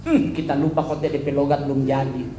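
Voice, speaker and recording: A man with a Manado accent doing stand-up comedy as a mock church sermon, animated and jumping into high-pitched impressions of other people. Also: fairly quick, roomy sound, noisy background.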